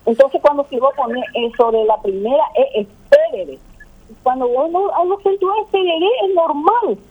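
A woman's voice: high voice, a little fast. An older woman, a gastronomy researcher and teacher, rambling and repeating herself in a casual phone interview. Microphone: telephone. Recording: tinny phone line.

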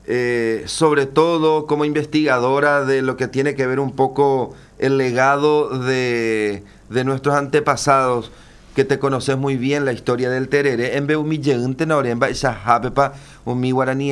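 A man's voice: mid-range voice, fairly even intonation, measured pace, clean tone. Man hosting an interview. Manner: friendly, prompting with short questions, hesitant fillers. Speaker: radio host. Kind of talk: casual interview.

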